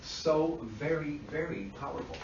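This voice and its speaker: A man lecturing counselors in a classroom, animated, swearing freely and checking constantly that students follow. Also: on the high side, measured pace, background noise. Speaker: instructor teaching counselors. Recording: dull roomy sound from far off.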